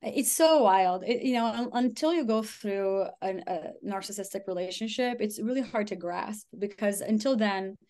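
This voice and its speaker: A woman's voice: mid-range voice, normal speed, hardly any pauses, a little mellow. A woman guest on a podcast, talking casually and filling her speech with "like" and "you know", acting out what others said. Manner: chatty, lots of "like" and "you know", acts out quotes. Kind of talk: casual conversational storytelling.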